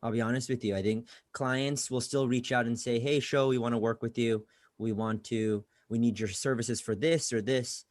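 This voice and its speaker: A man's voice: mid-range voice, steady tone, normal speed, no room sound. A man who was born in Bangladesh and grew up in California, a guest career coach talking casually in a podcast interview and often repeating words as he starts a sentence. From Bangladesh, raised in California.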